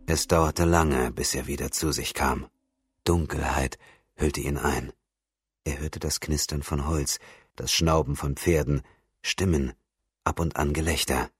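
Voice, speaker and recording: A man reading a story aloud as an audiobook narrator, in calm, even scripted narration. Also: very deep voice, measured pace, slightly rough, no room sound.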